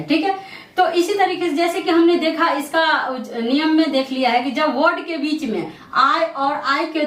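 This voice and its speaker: A high-voiced woman gives an English pronunciation lesson. She asks a question, then answers it herself over and over. She sounds a bit far from the mic, in a roomy echo. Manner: repeats questions and answers them herself, lots of "theek hai". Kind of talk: classroom-style lesson explanation. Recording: echoey room, voice from a distance.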